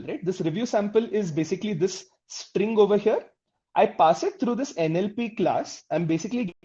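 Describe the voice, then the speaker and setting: A teacher with a mellow, relaxed voice leads a live online coding class and walks through each step patiently. They keep checking that the class is following and put questions to the students. The audio sounds dull and lo-fi. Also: medium pitch. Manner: explains step by step, often checking in with "okay?" and "right?"; addresses the class directly with questions. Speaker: instructor.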